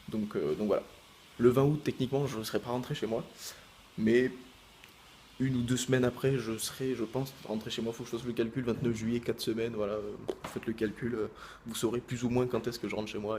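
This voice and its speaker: A man's voice: mid-range voice, a little mellow, slight background noise. A man who makes gaming videos, chatting casually to his viewers in a rambling, hesitant way full of fillers and restarts. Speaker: gaming YouTuber. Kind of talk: casual vlog chat.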